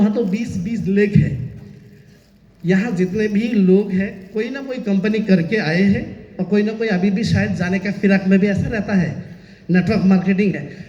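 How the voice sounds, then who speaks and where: A man's voice: high voice, a little mellow. A man giving a motivational stage speech at a business meeting, talking straight to a seated crowd, urging them to clap and asking them questions. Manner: addresses the crowd directly, urging applause and asking rhetorical questions. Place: large hall with a seated audience. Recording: echoey hall, dull lo-fi sound.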